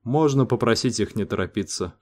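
A doomed crewman drawls dry, sarcastic remarks in a low voice, as a man reads him aloud. He sounds flat and indifferent in this spoken science-fiction story. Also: brisk. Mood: sardonic.

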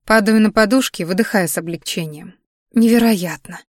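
A woman's voice: mid-range voice, moderate pace, dry recording, clean studio sound. A woman reading a first-person romance novel aloud, intimate and emotional in tone. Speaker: audiobook narrator.

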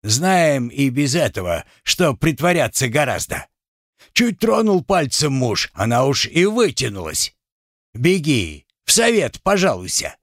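A man's voice: medium pitch, very animated, a little slow, fairly bright tone, no echo, clean studio sound. A man reading an audiobook, voicing a scornful, grumbling old father-in-law over 60.

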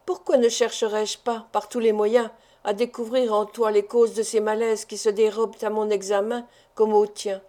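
A woman's voice: medium pitch, little pitch movement, moderate pace, hardly any pauses, warm tone, lightly acted. A woman reading the lines of a grown man, an anxious and suspicious doctor who presses his wife with questions. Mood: insistent.

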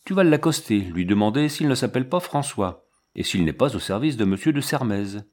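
A man's voice: mid-range voice, animated, a little fast, a little mellow, natural voice. A man reading the part of a stern, aloof army captain in his thirties, in a curt, commanding manner for an audiobook.

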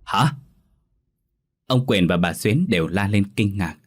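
A man narrating a ghost story in a steady, measured way. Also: on the low side.

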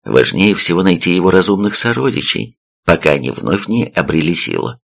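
A man's voice: low-pitched, very animated, brisk, gravelly, fairly bright tone, full character voice. Man voicing a curt, stern army captain. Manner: curt and commanding.

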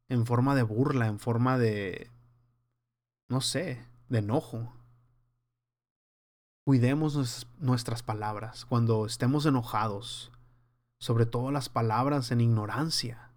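A man leads a verse-by-verse Bible study in an earnest, conversational way. His voice sits at an ordinary middle pitch, and he preaches as if speaking to brothers in the faith. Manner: acts out scenes in lively voices. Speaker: Bible teacher.

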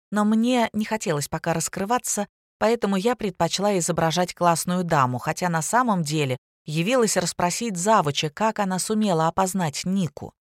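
A woman's voice: fairly low pitch, dry recording, studio quality. Woman narrating a wry audiobook. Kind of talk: audiobook reading.

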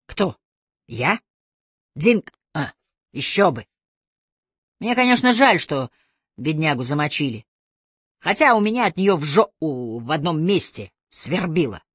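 A woman voicing a brash, crude young Australian man who mocks others loudly in coarse slang, in an audiobook. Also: sits low, big pitch swings, unhurried, pauses often, slightly rough, no room sound, clean studio sound, exaggerated voice. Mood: brash mocking. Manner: loud, coarse slang, mocking.

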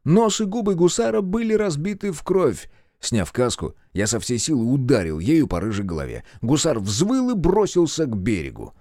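A man narrating a first-person story in an animated storytelling manner. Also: fairly high pitch, normal speed, hardly any pauses, dry recording, clean studio sound. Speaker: audiobook narrator.

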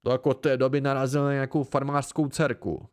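A man's voice: mid-range voice, flat delivery, lightly acted. A man voicing a scornful tavern fiddler who scoffs at a story.

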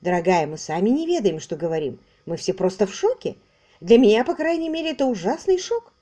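A woman's voice: mid-range voice, very animated, a little fast, mellow. A woman voicing a fussy, effusive man who gushes over everyone in an audiobook. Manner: effusive, gushing.

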